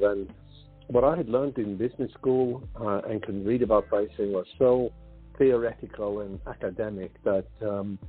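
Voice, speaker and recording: A middle-aged man from Sweden, a pricing consultant guest on a podcast, speaking hesitantly with many restarts and throat-clearing. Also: on the low side. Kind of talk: podcast interview. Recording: tinny phone line.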